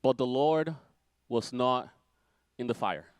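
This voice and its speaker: A man preaching a sermon with dramatic swings from loud declarations down to near-whispers. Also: medium pitch, takes it slowly, clear, resonant tone, no echo.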